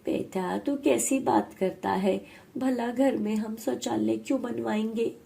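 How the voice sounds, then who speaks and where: A slow, emphatic old village headman with a low, gravelly voice, put on by a woman narrator. He speaks deliberately to his son in a dark, mellow tone. Stern and set in his ways. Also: fairly even intonation, full character voice. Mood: fatherly.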